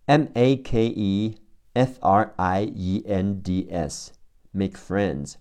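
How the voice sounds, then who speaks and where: A man with a Chinese accent teaching English vocabulary through phonics, spelling each word letter by letter and repeating it slowly. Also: low-pitched, dark tone, clear, resonant tone.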